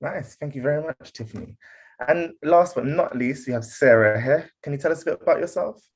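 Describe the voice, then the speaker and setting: A man's voice: a little high, a little fast, breathy edge. A man from the UK hosting an online panel on a video call, friendly, with frequent fillers and restarts. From United Kingdom. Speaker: panel host.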